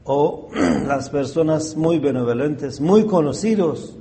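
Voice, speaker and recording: A man speaking slowly in a mellow, warm voice, recounting a story of faith as a religious teacher. He pauses often with fillers and clears his throat between phrases. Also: fairly high pitch.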